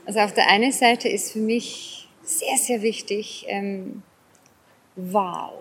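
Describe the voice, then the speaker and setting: A woman's voice: medium pitch, fairly even intonation, slow pace, fairly bright tone, a little hiss or hum. A middle-aged or older South African woman speaking German with an English accent and Bavarian touches, searching for words in a casual interview. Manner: hesitant, searching for words, repeats phrases. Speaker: interview guest.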